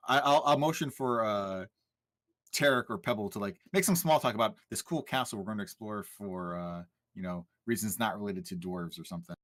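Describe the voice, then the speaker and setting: Fast-talking low-voiced man gaming. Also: fairly bright tone, no room sound, clean studio sound. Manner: quick, joking, talks through plans aloud. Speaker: player. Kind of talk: tabletop game play over voice chat.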